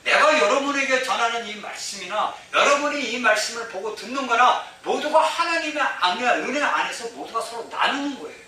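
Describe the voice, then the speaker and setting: Bright, high-voiced male preacher in an echoing hall. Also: expressive, fairly quick, few pauses. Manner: asks the congregation rhetorical questions; emphatic preaching with repeated phrases. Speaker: pastor. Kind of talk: sermon. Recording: very echoey hall, mic far off, faint noise.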